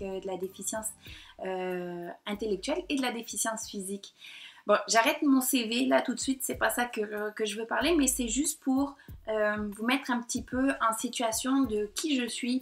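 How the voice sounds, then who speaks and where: A middle-aged woman, telling her story in a confiding monologue, pausing often with fillers. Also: fairly high pitch. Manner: hesitant, many fillers. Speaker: art coach.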